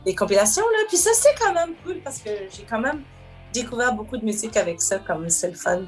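A woman with a Québécois French accent talks casually as a guest musician. She rambles, restarts her sentences and fills pauses often. She drops English words into her French. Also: on the high side, big pitch swings, soft background music. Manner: rambling, frequent fillers and restarts. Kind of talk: casual chat.

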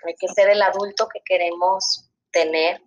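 Softly earnest woman. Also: on the low side, steady tone, unhurried, dull audio, a little hiss or hum. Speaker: mother. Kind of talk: casual panel chat.

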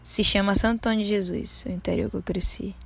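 A podcast host in her twenties from Salvador, Bahia, Brazil, with a Bahian Brazilian Portuguese accent, casually tells personal stories in a conversational, self-deprecating way. Her medium-pitched voice is quick, creaky and husky with fairly even intonation, over soft background music.

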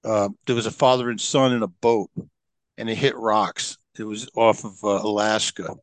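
A man's voice: lowish voice, little pitch movement, moderate pace, dry recording. A middle-aged man, a podcast guest, telling long stories in a rambling, casual way with many fillers and restarts. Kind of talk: casual storytelling.

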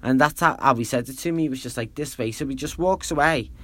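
A man's voice: medium pitch, quick pace, a bit bright. Rambling Liverpool man in his thirties. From Liverpool, England. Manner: rambling, chatty, self-deprecating. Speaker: podcast host. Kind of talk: casual solo storytelling.

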